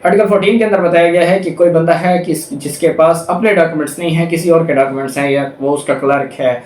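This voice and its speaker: Picked up by a distant microphone in an echoey room, a man with a Pakistani accent lectures on law. His fairly high, darkish voice keeps a fairly even intonation. He reads statutes slowly in English and explains them faster in Urdu, keeping legal terms in English.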